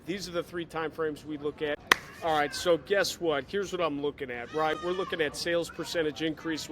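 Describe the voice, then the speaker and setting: An energetic man with a Chicago accent, his voice sitting a little high, talks fast and chatty as though on extra coffee. He is recorded on a phone or laptop camera in an airport terminal. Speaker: digital marketing consultant for auto dealers. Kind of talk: casual video update.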